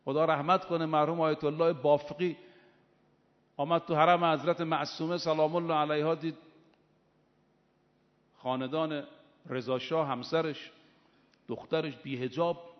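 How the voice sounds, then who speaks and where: A man's voice: fairly high pitch, steady tone, pauses often. A man delivering an impassioned religious sermon, rising to emphatic peaks. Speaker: preacher. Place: hall of a religious gathering. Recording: dull sound in a reverberant hall.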